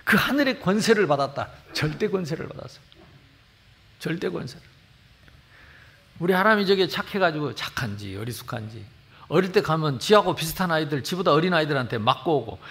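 Middle-aged male pastor, high lively voice, folksy storytelling sermon. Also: creaky. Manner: colloquial storytelling, animated and emphatic. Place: church sanctuary.

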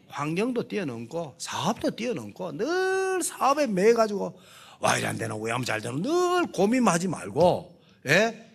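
A middle-aged male pastor with a Gyeongsang dialect, preaching a sermon full of rhetorical questions and sudden shifts between loud and soft. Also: high voice.

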